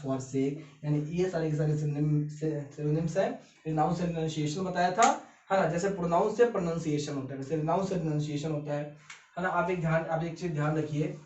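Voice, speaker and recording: A man teaching vocabulary, explaining word meanings in an animated way and often asking and answering his own questions. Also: a little high. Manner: animated, repetitive questioning, calls viewers beta and bhai. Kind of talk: explaining lesson in Hindi and English. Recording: echoey room, mic at a distance, dull sound.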